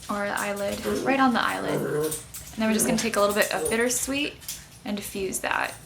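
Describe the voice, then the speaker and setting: Creaky-voiced woman giving a makeup tutorial. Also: mid-range voice, expressive, fairly quick, background noise. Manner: chatty, informal, explaining each step. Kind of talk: casual makeup tutorial, step-by-step instruction.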